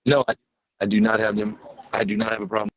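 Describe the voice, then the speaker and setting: A man's voice: high voice, big pitch swings, fast talker, vocal fry, no echo, poor audio. A man speaking at a court hearing over a video call that keeps dropping out, breaking up his words as he keeps asking whether he can be heard.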